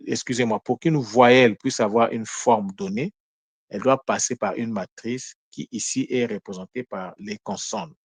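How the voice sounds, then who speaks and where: A man giving a lesson on word meanings, in a deliberate way that poses questions and answers them, often correcting himself mid-sentence. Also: medium pitch, no room sound. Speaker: teacher of Kikongo word meanings. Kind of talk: explanatory lesson talk.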